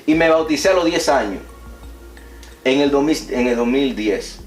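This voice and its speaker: A man's voice: mid-range voice, animated, normal speed, echoey room, soft background music. A man, an evangelist guest, telling his testimony in an earnest, preachy conversational way.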